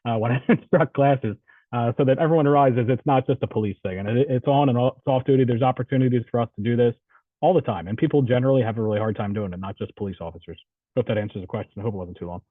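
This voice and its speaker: A man's voice: medium pitch, rapid-fire, dry recording. A man with a New Jersey accent, a police instructor telling a story in a panel answer, talking in a conversational way with restarts. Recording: far from mic, tinny phone-like line.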